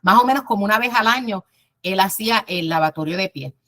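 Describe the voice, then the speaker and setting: A woman teaching a Bible class in a conversational way, telling personal stories, speaking directly to her listeners and pausing often with "eh". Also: medium pitch. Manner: warm storytelling, addresses listeners directly, frequent "eh" pauses.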